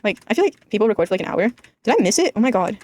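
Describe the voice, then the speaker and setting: A teenage girl talks over her gameplay at a very fast clip, her pitch sitting in an ordinary middle range. She rambles from thought to thought in a deliberately flat, monotone way, leaning on "like" again and again. It sounds like casual gaming commentary recorded at home. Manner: rambling, flat monotone delivery, says "like" constantly. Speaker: gaming YouTuber.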